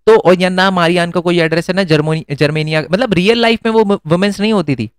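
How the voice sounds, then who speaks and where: A man's voice: high voice, fast talker, clean tone, no echo, clean studio sound. A man teaching an exam-prep history lesson, explaining step by step and checking in with his students in a casual conversational way.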